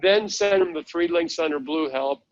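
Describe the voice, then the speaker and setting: A man's voice: a little high, normal speed, muffled recording. A man presenting a live online training session, chatting his way through a website step by step. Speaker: webinar presenter.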